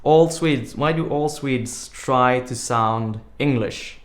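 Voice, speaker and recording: This man takes things slowly as he hosts a live coding stream, his mid-range voice drifting through casual, rambling chat full of "like" fillers and frequent laughs. He's recording in an echoey room at home.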